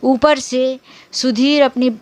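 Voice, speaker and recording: A woman narrating a dramatic family story in an unhurried, emotional storytelling manner. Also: high-pitched, level tone, a little mellow.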